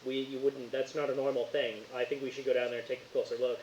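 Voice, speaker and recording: A man voicing a matter-of-fact local man in a tabletop game, halting and full of fillers. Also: medium pitch, level tone, darkish tone, lightly acted. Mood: puzzled. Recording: echoey, muffled, faint hiss.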